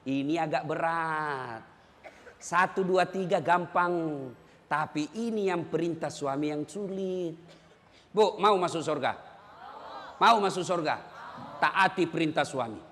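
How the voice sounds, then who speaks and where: A man giving a humorous, lively Islamic sermon, joking and sometimes shouting to his audience. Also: fairly high pitch, takes it slowly, long pauses, long reverb tail.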